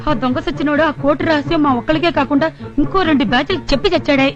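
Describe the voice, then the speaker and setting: A woman's voice: high-pitched, fast, muffled recording, close to an everyday voice. An actress playing a brash village woman who scolds and curses at people in a film scene with music behind her. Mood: scheming. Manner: scolding, cursing. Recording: film soundtrack with loud music.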